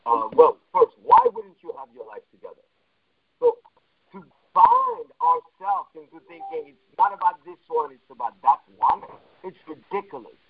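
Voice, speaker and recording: A man's voice: fairly high pitch, wildly swooping pitch, moderate pace, husky, no echo. A man coaching on a conference call, blunt and emphatic, his voice muffled as if heard through a wall on a phone line. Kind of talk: motivational teaching monologue.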